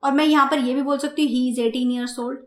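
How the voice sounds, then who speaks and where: A woman teaching German grammar in Hindi, speaking slowly, repeating points and asking her students questions. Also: high voice, steady tone, reverberant. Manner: slow, repeats and asks the class questions. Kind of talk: grammar lesson explained in Hindi.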